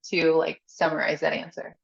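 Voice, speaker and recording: She speaks at a moderate pace in a low, gravelly, monotone voice. A faith coach and podcast guest, she talks candidly in a laid-back interview, laughing often and saying "like" plenty. The recording sounds echoey and slightly dull.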